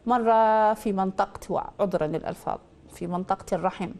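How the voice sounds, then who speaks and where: An Iraqi woman hosts a call-in astrology show at a breakneck clip. Her pitch sits in an ordinary middle range. She fires off probing questions, then delivers her readings with firm certainty. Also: fast talker, a little mellow. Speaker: astrologer host.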